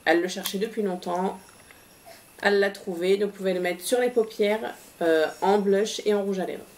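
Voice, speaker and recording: A woman's voice: mid-range voice, steady tone, normal speed, darkish tone. A woman presenting a shopping haul in a casual, hesitant way, with many fillers and restarts.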